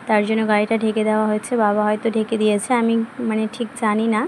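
A woman's voice: medium pitch, monotone, quick pace. Chatty woman vlogging her day, noisy. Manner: speaks softly so the sleeping baby is not disturbed. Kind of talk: casual vlog narration.

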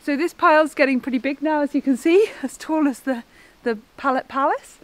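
A young woman hosting a farm vlog, talking in a relaxed, thoughtful way with plenty of fillers, filmed outdoors and in a goat shed. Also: sits high, a little fast, no echo. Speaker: farmer and vlog host.

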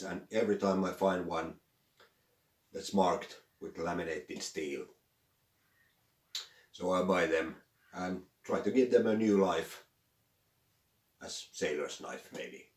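An older man, a craftsman talking casually about his work in a workshop, pausing often with "uh". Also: sits low, a little mellow, reverberant. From Finland. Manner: unhurried, with frequent "uh" pauses. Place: cluttered indoor workshop.

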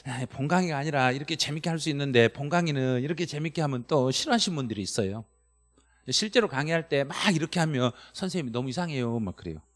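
A middle-aged man teaching a live-stream exam lecture, excited and quizzing his viewers. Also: fast, big-room sound. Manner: animated, jumps to high excited pitch on key words, quizzes the chat. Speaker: real estate tax law instructor.

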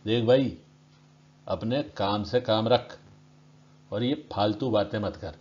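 A man puts on a hot-headed policeman, clipped and brusque, giving orders without wasting words. He speaks slowly, and the sound is muffled and lo-fi. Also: lowish voice, darkish tone. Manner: curt, brusque. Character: short-tempered male police officer. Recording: dull lo-fi recording.

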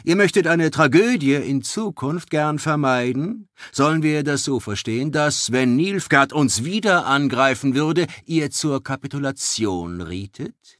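Man reading snooty baron, sarcastic and loud, dry sound. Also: mid-range voice, animated, measured pace, hardly any pauses, no room sound, voice pushed up. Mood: challenging. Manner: challenging, sarcastic, shouting. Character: haughty, combative male baron.

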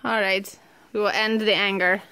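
A woman's voice: medium pitch, little pitch movement, normal speed, pushed and bright, smooth, no room sound. A woman talking baby talk to her infant, coaxing and squealing praise in a sing-song voice. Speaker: mother filming her baby.

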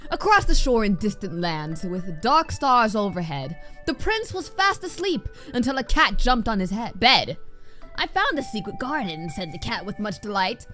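With soft music in the background, a young woman streamer speaks in a mid-range voice at a normal speed. Her gameplay commentary is casual and animated; she reacts to events, talks to the game, and sometimes reads aloud.

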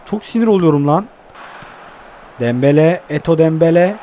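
Excitable high-voiced man narrating gameplay. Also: moderate pace, slight background noise. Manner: excitable, swears and groans at the game. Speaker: mobile football game streamer. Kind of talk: live gameplay commentary.

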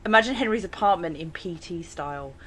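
A young woman from England comments casually on a video game for her gaming channel's let's play, full of chat, exclamations and frequent laughter. Her voice is on the low side yet a bit bright, with a breathy edge, and she talks in an animated, fairly quick way.

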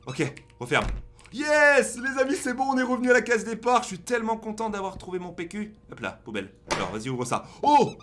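Young male gaming streamer, excitable, chats to viewers, high animated voice. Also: fairly quick. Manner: excitable, talks to viewers as "les amis", reads game prompts aloud. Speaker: gaming YouTuber. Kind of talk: let's play commentary.

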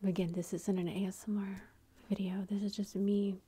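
A vlogger who has a son whispers her way through a long personal story, soft and breathy, full of fillers and quoted bits of dialogue. Her voice is mid-range with a flat delivery at normal speed.

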